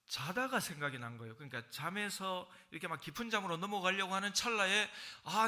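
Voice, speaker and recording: A middle-aged man with a Gyeongsang accent preaching a sermon in a church, telling stories in a conversational way and acting out what people say in sudden loud, high bursts. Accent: Gyeongsang Korean. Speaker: senior pastor. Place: church sanctuary.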